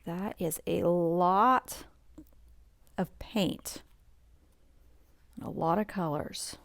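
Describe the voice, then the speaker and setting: A woman speaking on the low side with vocal fry, recorded without room sound, reads a picture book aloud at bedtime. Her manner is leisurely and conversational, full of asides about details and questions for the listener.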